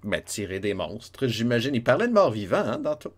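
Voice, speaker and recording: Here a Quebec French-accented streamer talks his way through a retro RPG, joking with his chat and laughing frequently in casual let's-play style. He speaks fairly quickly at a medium pitch, with big swings up and down.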